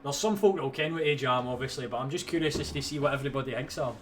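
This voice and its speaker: A man's voice: medium pitch, very fast, slight background noise. A man in his twenties with a broad Scottish accent, hosting a livestream with casual, sweary, self-deprecating banter. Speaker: livestream host.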